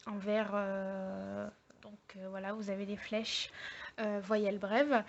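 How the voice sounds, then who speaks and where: A woman teaching an online language lesson, explaining slowly step by step with many hesitations and fillers. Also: medium pitch, flat delivery, vocal fry, highs cut off. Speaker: Arabic teacher.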